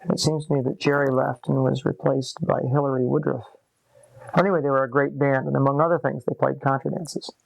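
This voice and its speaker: A medium-pitched man with vocal fry speaks in a level tone, with no room sound in the recording. Interviewed at a desk upstairs in an apartment, this Massachusetts musician in his late forties uses his scratchy voice to relate his life story in a relaxed, unhurried and reflective way, pausing as he goes.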